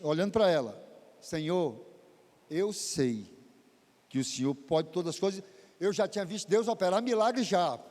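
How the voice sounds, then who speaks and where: Emotional pastor in echoey church. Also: male voice, a little mellow. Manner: emotional, dramatic storytelling with big pitch swings. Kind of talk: sermon testimony.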